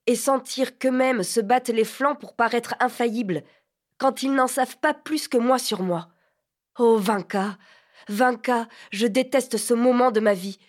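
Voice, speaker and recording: A woman's voice: on the high side, lightly acted. A woman reading an audiobook, voicing a brooding, impatient teenage boy in passionate, declamatory outbursts.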